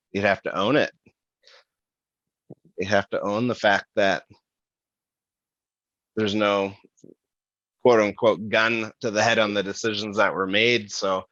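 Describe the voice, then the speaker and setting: A man hosting a podcast, reflecting out loud in a casual, halting way with restarts. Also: on the low side, no echo, dull audio. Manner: thinking aloud, halting with restarts and fillers. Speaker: podcast host.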